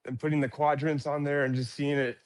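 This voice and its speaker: Breathless guy in his 40s from miami, kinda high voice, eager ramble on the phone. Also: little pitch movement, a little fast, dry recording. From Miami, Florida. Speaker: caller, trader. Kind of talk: casual chat on a live audio room. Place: at work, walking in a hospital.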